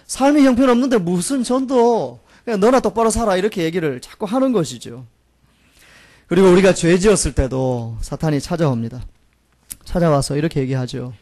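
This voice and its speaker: A male pastor delivering a Sunday sermon with a somewhat high voice. He preaches earnestly and keeps posing rhetorical questions to the congregation. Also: darkish tone.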